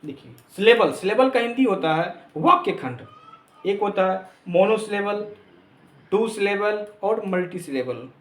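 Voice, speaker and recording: Male teacher, high voice, slow and deliberate, echoey room. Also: lively intonation. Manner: slow, spells out letters one by one. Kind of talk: classroom lesson.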